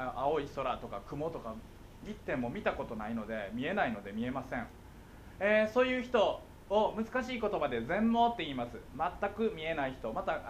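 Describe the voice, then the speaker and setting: A middle-aged man with a Kansai accent talks to a room of schoolchildren as a guest speaker. His voice sits fairly high and leaps around in pitch. He keeps the mood playful and jokey, stopping often to check that everyone is following. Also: a little hiss or hum. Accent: Kansai Japanese. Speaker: guest speaker on visual impairment. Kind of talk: talk to schoolchildren.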